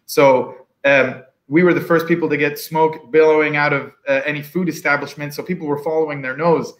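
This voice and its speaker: A man's voice: on the high side, a little fast, poor audio. A man on a video call from a room with bookshelves, chatting casually as a guest pitmaster and acting out the people he quotes. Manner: relaxed storyteller, acts out quoted customers. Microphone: video call from home.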